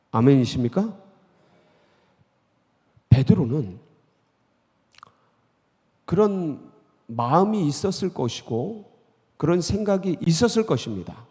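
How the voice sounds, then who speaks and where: A male pastor delivers a sermon with a dark, gravelly voice, firing rhetorical questions at his congregation. When he quotes scripture he suddenly gets loud. His voice trails off in a long church-hall reverb. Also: mid-range voice. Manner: keeps asking the congregation questions, then bursts out loud when quoting scripture. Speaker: senior pastor. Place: church sanctuary.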